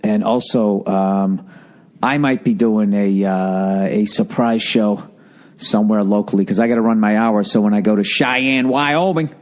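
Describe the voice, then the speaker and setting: A man's voice: lowish voice, measured pace. A middle-aged man rambling casually as a podcasting comedian, profane and sarcastic, and he jumps into mocking voices. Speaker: comedian hosting a podcast, answering listener letters.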